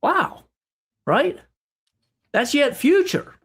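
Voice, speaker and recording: A man leading an animated Bible study discussion, asking rhetorical questions and exclaiming often. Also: very high-pitched, extremely slow. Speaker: livestream Bible teacher.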